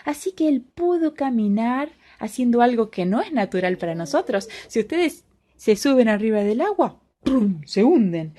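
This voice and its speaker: Brief: children's Bible teacher, a woman, Rioplatense Spanish accent, mellow and slightly high. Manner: animated, asks the children questions.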